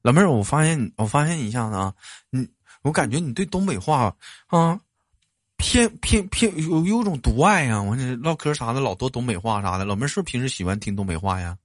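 Male livestream host, Northeastern accent, jokey, very lively pitch, dry close sound. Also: brisk, no echo. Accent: Northeastern Mandarin. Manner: teasing, jokey, stresses words. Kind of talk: joking casual chat.

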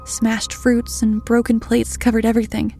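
A woman narrating a scripted horror story in a steady, measured way, her voice slightly high but flat and mellow. She often drops to a hushed half-whisper. Faint music runs underneath. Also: vocal fry.

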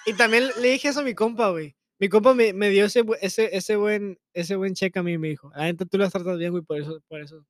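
Teasing Mexican man, high voice. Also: a little fast, few pauses, no room sound, clean studio sound. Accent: Mexican Spanish. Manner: teasing, swearing reactions. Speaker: podcast co-host. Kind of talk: casual chat.

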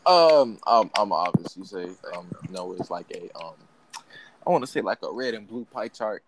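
Laid-back low-voiced young man. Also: lively intonation, normal speed, noisy background. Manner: laid-back, slangy, teasing. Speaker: chat guest. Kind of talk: casual group chat.

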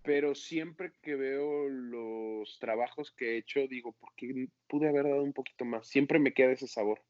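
Animated man, dry dull sound. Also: medium pitch, moderate pace, dry recording. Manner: animated, acts out his own self-critical inner voice. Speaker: actor being interviewed. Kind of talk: casual interview talk.

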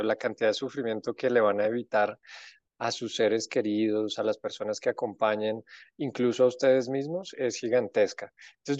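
A man, a guest in an interview, explaining in a calm, reflective way. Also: mid-range voice, no echo. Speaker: guest, grief author. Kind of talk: conversational interview. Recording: dry, dull lo-fi sound.

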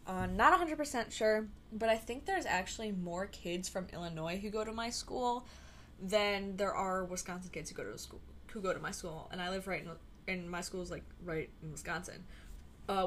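A young woman from the Chicago area hosts a solo podcast, chatting casually in a loose, rambling way packed with fillers and tangents. Her voice is medium-pitched and a bit bright, with faint noise in the background.

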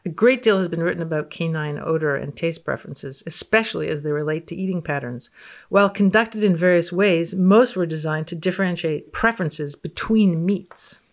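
On a podcast, a woman physicist with a fairly low voice and moderate pace gives a dramatic reading of research and trades banter. Her delivery is dry and matter-of-fact.

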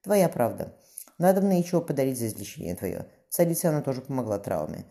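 Man voicing a cruel young tsar, dark and quick. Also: medium pitch, big pitch swings. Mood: tender.

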